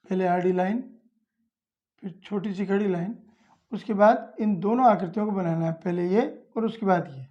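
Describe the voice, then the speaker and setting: A woman's voice: mid-range voice, normal speed, dark tone, lo-fi sound. A woman teaching young children, explaining each step patiently and repeating it plainly. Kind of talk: slow step-by-step lesson for children.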